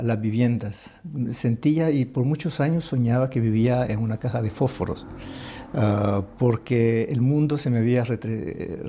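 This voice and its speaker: Hombre de voz oscura y pausada. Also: male voice, mid-range voice, mellow, slightly rough. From El Salvador. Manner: thoughtful, halting, many restarts. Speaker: ambassador, interview guest. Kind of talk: conversational interview.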